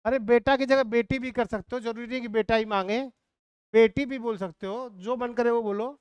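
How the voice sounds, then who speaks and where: A teacher leads a live online class, calling out lists and making students chant them back. The voice is smooth and crisp, recorded dry and close. Mnemonics are sung out slowly, line by line. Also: mid-range voice, steady tone, darkish tone, no echo, highs cut off. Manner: drills students in call-and-response recitation.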